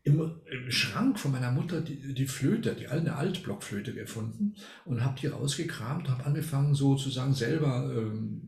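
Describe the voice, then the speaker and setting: An older man from Argentina talks at a relaxed storytelling pace, often pausing on fillers. His voice has a gravelly edge, and the room adds a noticeable echo. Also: mid-range voice. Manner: storytelling, frequent hesitation fillers. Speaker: guest, retired music professor. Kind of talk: casual interview.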